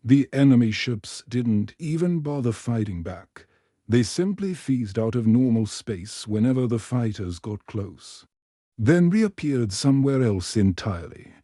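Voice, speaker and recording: A man narrating a science fiction story in steady, scripted storytelling. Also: medium pitch, a little slow, no echo, clean studio sound.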